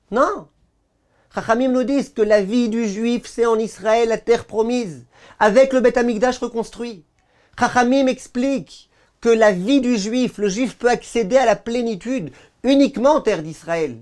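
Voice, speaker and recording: A man giving a sermon as a rabbi, arguing through rhetorical questions, dramatic pauses and imagined replies. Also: extremely high pitch.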